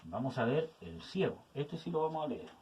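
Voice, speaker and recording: A man's voice: on the high side, lively intonation, normal speed, gravelly, darkish tone, dull audio, slight background noise. A man teaching a Bible study to young people, often checking in with his listeners and searching aloud for words as he goes. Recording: voice from some distance to the mic.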